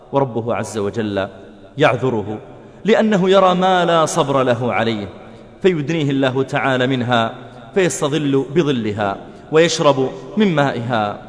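A man's voice: medium pitch, expressive, normal speed. Dramatic male preacher in a reverberant hall. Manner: dramatic, voices the quoted speakers, chants verse. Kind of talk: sermon storytelling.

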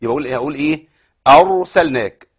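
An Egyptian man teaches Quran recitation on a program, and his voice sits a little high for a man. He talks fast, with many fillers and repeated words. He asks questions and answers them himself, and recites verses slowly. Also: expressive, breathy edge. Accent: Egyptian Arabic. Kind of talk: tajweed lesson on a broadcast program.

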